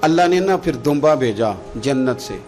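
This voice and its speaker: A man preaching an emotive sermon, swinging between loud exclamations and soft, slow Quranic recitation. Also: mid-range voice, expressive, faint music behind.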